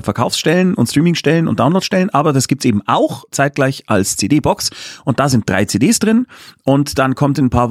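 A man with a medium-pitched voice appears as a guest in a casual interview, an audio drama director explaining things in chatty, enthusiastic detail. The sound is clean studio quality with no room sound.

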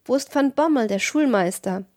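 A woman's voice: a little high, lively intonation, normal speed, a little mellow, dry recording, studio quality, close to an everyday voice. A woman reading a storybook, voicing a confused old man who pleads with a crowd in a raised voice. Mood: anxious. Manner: pleading, distraught. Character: bewildered old man just back from the mountains.

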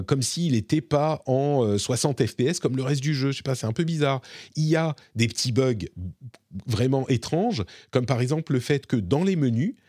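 A man co-hosting a casual live stream chat about video games, talking in a relaxed, hesitant way with many fillers and restarts. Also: medium pitch, no room sound, studio quality. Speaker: gaming stream co-host.

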